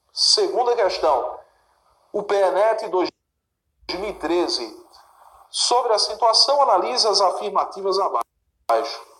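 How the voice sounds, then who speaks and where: Male teacher, slightly high voice, poses a question then answers it, recorded in a roomy space. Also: fairly bright tone. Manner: asks and answers his own questions, checks in with the listener. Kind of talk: recorded exam-prep lesson. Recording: echoey room.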